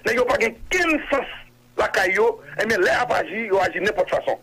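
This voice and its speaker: A man calling in to report, indignant and halting, with frequent restarts. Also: high-pitched, sing-song, sharp tone, slightly rough, rough recording.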